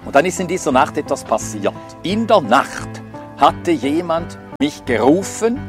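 His voice fairly high with big pitch swings, an older Swedish-speaking man from Scandinavia recounts his life at a measured pace over background music. The testimony is reflective and hesitant, full of fillers.

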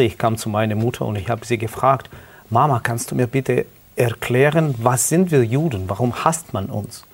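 A middle-aged man from Ukraine with a Ukrainian accent, earnestly telling his life story as a guest in halting German. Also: mid-range voice. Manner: earnest, halting non-native German with restarts. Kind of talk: personal testimony interview.

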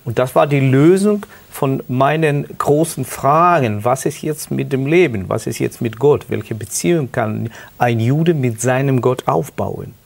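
Mann mit ukrainischem Akzent, ernst erzählend. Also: male voice, mid-range voice, creaky. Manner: earnest, halting non-native German with restarts. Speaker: guest. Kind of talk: personal testimony interview.

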